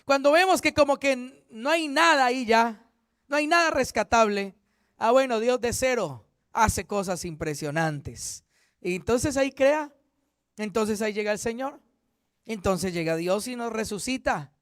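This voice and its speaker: A man's voice: extremely high pitch, animated, unhurried, fairly bright tone, clean tone, no echo, studio quality. A man, a pastor, teaching a Bible study in an earnest, repetitive way, often correcting himself mid-sentence.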